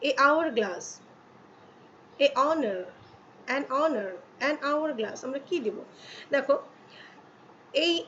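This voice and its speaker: A woman teaching English grammar in Bengali, reading English examples slowly and often checking in with the listener. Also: high-pitched. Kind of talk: explaining articles to students in Bengali. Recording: dull lo-fi with faint ambient noise.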